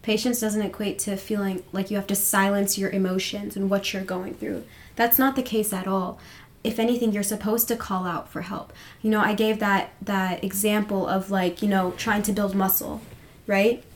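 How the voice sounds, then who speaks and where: A woman's voice: medium pitch, level tone, moderate pace. Heartfelt, encouraging woman podcast co-host. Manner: heartfelt, encouraging, repeats phrases for emphasis. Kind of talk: casual faith discussion podcast.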